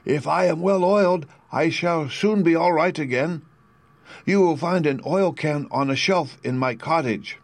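Man putting on a rusty tin man, storybook figure, polite and grateful, raised high voice, slow and stiff, louder and strained. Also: no echo. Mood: pleading. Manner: slow, stiff, pleading delivery.

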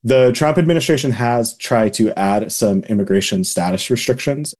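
A man, a policy analyst, answering interview questions in a measured, precise way. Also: medium pitch, darkish tone.

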